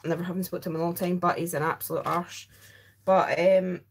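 With a lowish, gravelly, slightly rough voice, fairly even in intonation and fairly quick, a tired middle-aged Scottish crafter chats on her livestream. She rambles, breaks into her own sentences and reads out viewers' comments, recorded by an overhead camera over the craft desk.

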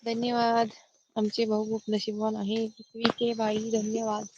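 A woman's voice: fairly high pitch, completely flat delivery, unhurried, muffled recording, noisy background. A woman from the Dharashiv area, chatting casually on a live stream while herding goats outdoors, greeting viewers and reading their comments into her phone. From Dharashiv district, Maharashtra.

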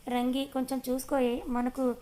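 A woman's voice: high-pitched, level tone, normal speed, warm tone, close to an everyday voice. A woman voicing an older village man, a caring husband, in a story reading, speaking plainly and earnestly. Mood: worried.

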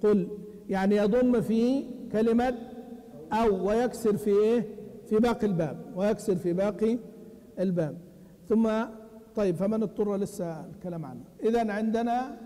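Male teacher, high-pitched, quizzes students and chants verses, long hall reverb. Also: mellow. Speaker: Quran recitation teacher. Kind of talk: classroom lesson explaining a text. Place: large mosque hall.

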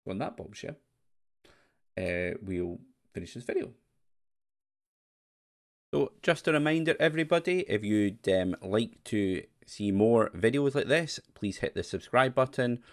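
A man's voice: on the low side, gravelly. A man giving casual let's-play commentary, rambling and thinking aloud with the odd swear word. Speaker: game streamer.

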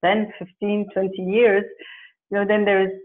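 A Dutch-speaking woman in her forties, working as a career coach, answers questions thoughtfully on a video call, with many fillers and restarts. Her medium-pitched voice moves little in pitch and runs at normal speed. She's in a home office with plants and pictures, and her earphone mic gives the audio a narrow, phone-like sound.

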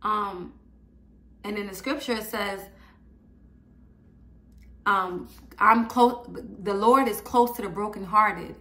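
A woman's voice: medium pitch, slow, pauses often, sharp tone. A woman sharing her own story and giving faith-based advice in an emphatic, preachy way, repeating her phrases. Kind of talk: personal testimony and faith advice.

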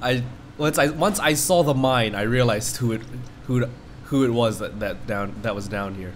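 Playing a horror game with a stuffy nose from a cold, this let's play host gives loose, reactive commentary and addresses the screen directly. His medium-pitched voice runs at normal speed, with a little hiss or hum in the recording.

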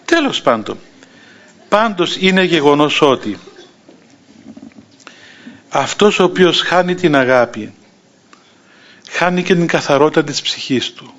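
Animated Cypriot bishop in his sixties. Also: medium pitch. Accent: Cypriot Greek. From Cyprus. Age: 60s. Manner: lively anecdotal telling, acting out quoted voices, chuckling. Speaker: Orthodox metropolitan bishop. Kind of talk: storytelling sermon. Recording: dull lo-fi recording.

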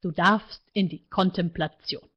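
A woman voicing a calm, coolly bureaucratic male AI life counselor in a book reading, speaking low and measured. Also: husky, dull audio. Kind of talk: author reading aloud.

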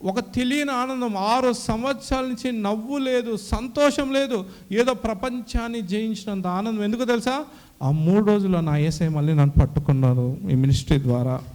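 A man's voice: high-pitched, normal speed, darkish tone. A young man giving an emotional church testimony, acting out the dialogue he recalls. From Kadapa, Andhra Pradesh. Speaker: testimony giver.

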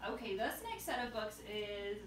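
A woman's voice: medium pitch, animated, moderate pace, a little hiss or hum. A young woman showing children's books in a casual way, chatty, and playfully reading lines aloud. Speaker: children's book seller. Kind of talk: casual book showcase. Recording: roomy echo.

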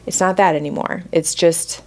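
Candid, heartfelt woman podcast host, low voice. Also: fairly even intonation, moderate pace. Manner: candid, heartfelt, casual with frequent "like". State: close to tears at moments. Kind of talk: personal storytelling on a podcast.

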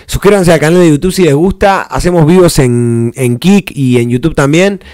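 A man's voice: on the high side, normal speed, a little mellow, no echo. A man with an Argentine accent, hosting a reaction video in a casual, rambling way, heavy on slang and restarts. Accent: Argentine Spanish. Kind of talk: casual commentary.

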